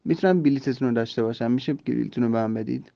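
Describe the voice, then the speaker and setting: A man hosting a podcast English lesson, explaining and repeating phrases slowly so listeners can drill them. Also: medium pitch, creaky, mellow, dry recording. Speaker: English teacher and podcast host. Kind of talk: language lesson. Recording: slightly dull lo-fi recording.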